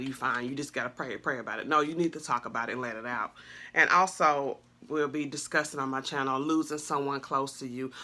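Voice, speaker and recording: Chatty woman vlogging on a phone. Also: low voice. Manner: chatty, rambling with many fillers; warm, effusive thanks to a friend. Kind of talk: casual chat to camera.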